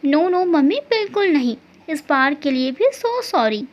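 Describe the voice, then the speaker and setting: A woman's voice: high voice, big pitch swings, unhurried. A woman voicing a cheerful, mischievous young daughter talking playfully with her mother. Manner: playful, coaxing. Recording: dull lo-fi recording.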